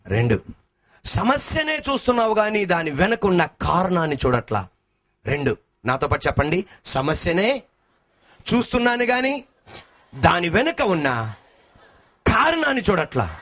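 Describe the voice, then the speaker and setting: A male pastor preaching a sermon, swinging between shouted sing-song lines and lower talk, calling the congregation to answer back. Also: wildly swooping pitch, moderate pace, pauses often.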